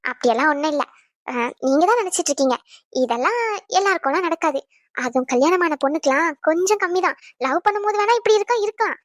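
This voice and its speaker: A woman's voice: extremely high pitch, expressive, fast talker, no room sound, studio quality. A woman voicing a young cartoon wife who dotes on her husband, talking in a coy, chirpy way. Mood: playful. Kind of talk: cartoon dub acting.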